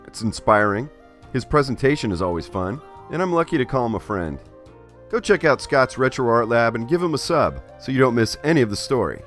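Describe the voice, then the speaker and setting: With a mid-range voice, a man narrates his scripted art vlog as host. He's playful and theatrical, tossing in casual asides and cutting himself off mid-thought.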